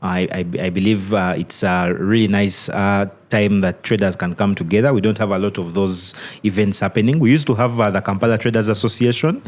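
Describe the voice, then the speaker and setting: Male guest educator, somewhat low pitch, halting conversational delivery. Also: steady tone. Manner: thoughtful, halting with restarts and "you know". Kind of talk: casual podcast interview.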